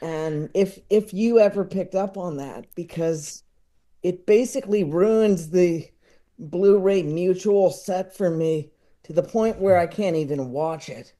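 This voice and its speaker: A mellow, high-voiced man in his thirties speaks a little slowly as a guest on a podcast, where he's billed as a comedy expert. In casual chat, he rambles and repeats words while collecting his thoughts.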